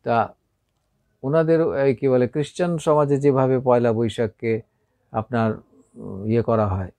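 A man with a Bengali accent giving an unhurried spiritual discourse, pausing often with fillers. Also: mid-range voice, steady tone, darkish tone, no echo. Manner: unhurried, with frequent pauses and fillers. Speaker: religious speaker.

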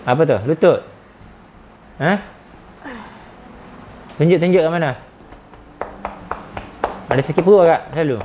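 Healer guy, firm questioning, a bit high-voiced, some faint noise behind. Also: unhurried, long pauses, mellow, muffled recording. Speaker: Islamic spiritual healer. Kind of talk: healing session with questioning.

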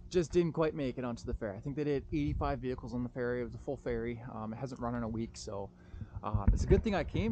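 A man in his thirties talks to an action camera on a road trip, relaxed and plain, with ums as he works things out aloud. Loud engine and outdoor noise sits under his voice the whole time. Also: mid-range voice, muffled recording. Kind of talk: casual on-camera vlog. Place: outdoors in a parking lot and inside a car.

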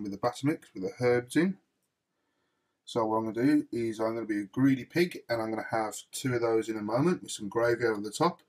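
A man's voice: mid-range voice, dry recording, poor audio. A man chatting casually and jokily to camera from inside his car at night, rambling a little with fillers. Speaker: vlogger. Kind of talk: casual vlog narration. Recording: car engine noise behind.

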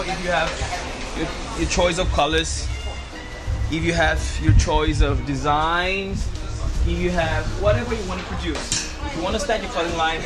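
A man in his thirties hosting an informal vlog tour, promoting products and repeating phrases for emphasis. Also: on the high side. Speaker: vlog host, sourcing agent. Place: large clothing warehouse indoors. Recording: loud background music. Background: music.

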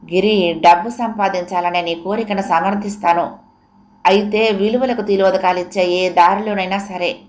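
Woman reading as an older mother, soft-spoken yet firm and principled, storybook reading. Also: medium pitch, lightly acted.

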